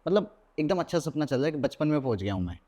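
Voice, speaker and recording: A young adult man with a voice set a touch high for a man recounts a personal horror story as a podcast guest. He builds the tale in vivid, animated bursts, slipping English words into his Hindi as he goes. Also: quick pace.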